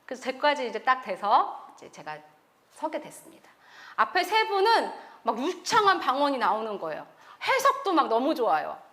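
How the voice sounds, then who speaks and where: A woman's voice: high voice, normal speed, reverberant. A woman missionary telling her testimony at a church meeting, acting out scenes and laughing as she talks. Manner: animated storytelling, acting out her past self with laughter. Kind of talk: testimony sermon with acted quotes.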